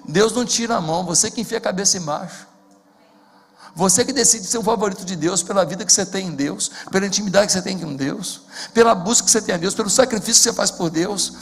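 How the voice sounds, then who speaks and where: A man preaching a sermon as pastor, impassioned and building to shouts. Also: sits high, fast, vocal fry, breathy edge. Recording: long hall reverb with faint music.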